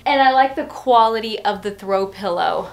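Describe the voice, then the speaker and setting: A middle-aged home decor vlogger talks to camera in a furnished bedroom, giving a casual, chatty review that is gushing and expressive. Her voice sits at medium pitch and moves at normal speed.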